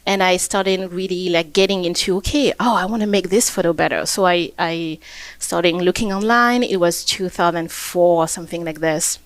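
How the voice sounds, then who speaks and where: French accented woman, podcast guest, lowish voice, dry close sound, friendly chat. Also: normal speed, no room sound. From Reunion Island, France. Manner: friendly, plain, short answers with fillers. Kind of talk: interview conversation.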